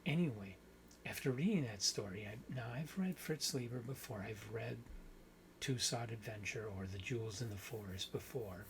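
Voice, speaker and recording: A man's voice: mid-range voice, moderate pace. A man with a mid-range voice hosts a casual book discussion. He thinks aloud, rambles and corrects himself as he goes, over a faint background hiss. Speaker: book channel host.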